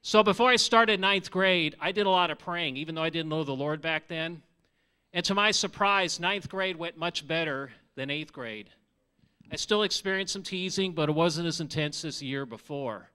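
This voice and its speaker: With a fairly high, sharp and clean-toned voice at normal speed, a man in his forties with a Minnesota accent tells his missionary testimony. He speaks earnestly and conversationally on a handheld mic in a large church sanctuary, asking the audience questions.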